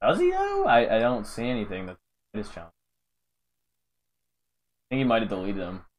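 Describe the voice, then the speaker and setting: A man's voice: fairly low pitch, normal speed. A young man casually live-streaming a game, rambling to his chat with lots of fillers, calling out viewers' names and saying "bro".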